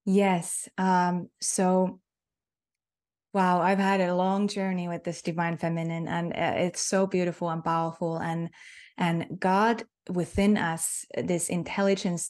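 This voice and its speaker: Speaking in a fairly low, darkish voice, a woman with a Finnish accent shares spiritual ideas as an interview guest. She is earnest but repetitive, leaning heavily on fillers.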